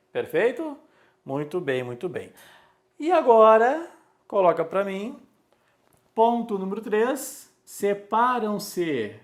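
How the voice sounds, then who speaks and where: A man, teaching a recorded exam-prep lesson and repeating key words for emphasis. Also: on the high side.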